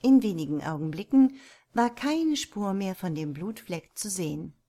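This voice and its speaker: A woman reading a classic story aloud as an audiobook narrator, in an even, measured way. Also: mid-range voice.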